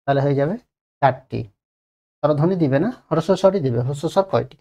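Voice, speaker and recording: A man's voice: on the high side, lively intonation, fast, dark tone. A male teacher with a West Bengal Bengali accent giving an exam-prep grammar lesson, repeating key phrases and asking and answering his own questions. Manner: drags out vowels to demonstrate.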